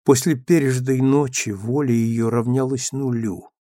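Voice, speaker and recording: A man narrating a novel as an audiobook, in a measured storytelling manner. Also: mid-range voice, steady tone, warm tone, dry recording, clean studio sound.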